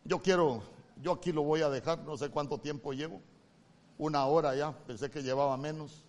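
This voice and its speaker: Honduran pastor preaching with big swings. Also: male voice, fairly high pitch, normal speed. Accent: Honduran Spanish. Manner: swings from loud emphatic calls to soft near-whispered lines. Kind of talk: sermon.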